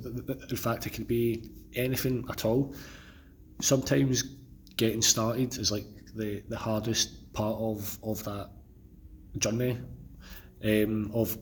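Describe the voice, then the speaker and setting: Unwell-sounding Scottish man, low voice. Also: slight background noise. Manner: halting, stammering repetitions. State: feeling unwell, under the weather. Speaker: podcast host and personal trainer. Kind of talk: casual solo podcast talk.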